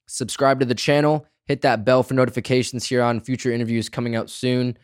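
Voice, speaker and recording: A man's voice: mid-range voice, little pitch movement, brisk, clean tone, dry recording, studio quality. A man hosting a podcast in casual chat, laid-back and full of slang. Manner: laid-back, heavy on slang like bro and dude. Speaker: podcast host.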